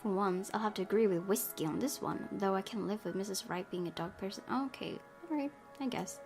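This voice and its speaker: Faint music accompanies a woman game streamer who reads a visual novel aloud with casual commentary in let's-play style. Her medium-pitched voice is a little mellow and a little fast.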